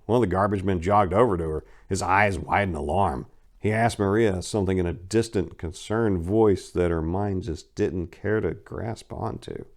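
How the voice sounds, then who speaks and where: Reading crime fiction from a script, a man tells the story dramatically, with intense, expressive delivery in a fairly low voice.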